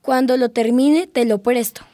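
A woman's voice: on the high side, fairly even intonation, normal speed, mellow, no room sound, studio quality, natural voice. A woman voicing a curious, cheerful young boy in an educational radio drama, asking eager questions. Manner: eager, inquisitive.

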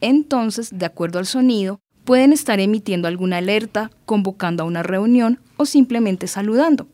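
A woman's voice: mid-range voice, expressive, brisk, darkish tone, no echo, studio quality. A woman playing a patient mother who reads and explains a story in an educational radio drama. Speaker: mother and narrator.

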